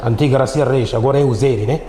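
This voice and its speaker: Warm in tone and fast, this mid-range male voice comes from a middle-aged Islamic teacher with a Mozambican accent, a guest on an interview. He recounts events conversationally, repeating himself and often ending on a tag question. There's a roomy echo and faint background noise, typical of the echoey studio.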